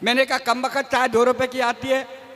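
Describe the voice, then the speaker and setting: High-voiced folksy comic poet in echoey hall. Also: male voice, monotone, normal speed, a bit bright. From Rajasthan, India. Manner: folksy, self-mocking, addresses audience as sahab. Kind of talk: stage comedy poetry recital. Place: live poetry stage before audience.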